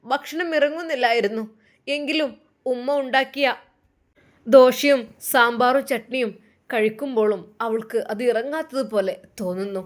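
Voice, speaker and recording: A woman's voice: on the high side, normal speed. A woman with a Malabar Malayalam accent narrating a dramatic story in an earnest, emotive way.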